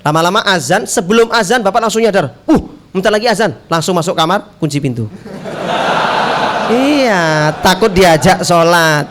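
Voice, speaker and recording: A man's voice: high voice, moderate pace. A male preacher giving a humorous sermon, joking with the crowd and acting out dialogue. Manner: lively, jokey, acts out quoted dialogue, slips into Javanese.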